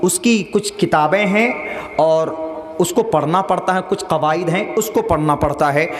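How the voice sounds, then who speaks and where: A preacher man with a high voice teaches Quran recitation. He chants verses to show the right way, then scolds those who rush. The sound rings with a long reverb, as in a large hall. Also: a crowd in the background. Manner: demonstrates recitation in chanted Arabic, then scolds in plain speech.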